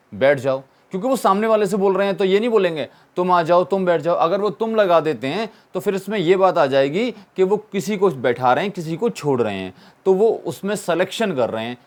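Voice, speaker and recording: In a classroom-style explanation, a man teaches English grammar, posing questions, answering them himself, and going back over the key points. His voice sits high with lively intonation, and he talks briskly with few pauses.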